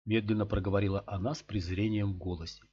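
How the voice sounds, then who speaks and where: A man reading an audiobook in a steady, measured way, in a dull lo-fi recording. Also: fairly low pitch, a little hiss or hum. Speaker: audiobook reader. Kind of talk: audiobook narration.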